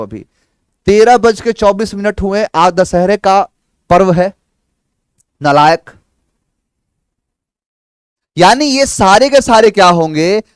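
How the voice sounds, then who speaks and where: A male grammar teacher giving a live online lesson, animated, acting out imagined student replies in quick back-and-forth dialogue. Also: high voice, no echo, clean studio sound.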